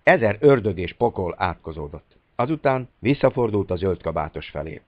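A man narrating an audiobook in a steady, clear storytelling manner. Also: low-pitched, no echo, phone-quality sound. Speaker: audiobook reader.

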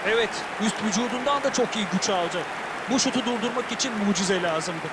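A man's voice: high voice, a little fast, lightly acted. A man giving analysis as co-commentator during a football match. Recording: loud stadium crowd noise behind. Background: stadium crowd.

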